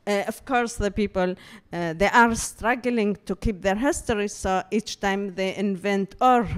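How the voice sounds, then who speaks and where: A woman from Palestine, an artist giving a public talk, speaking haltingly and searching for words with many fillers. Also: mid-range voice, smooth. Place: talk room before an audience.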